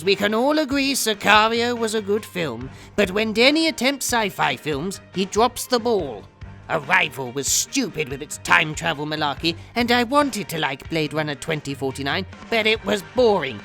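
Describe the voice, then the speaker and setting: Host voice: a woman delivering a blunt, crude comedy review, bright and animated. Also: mid-range voice. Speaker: film reviewer.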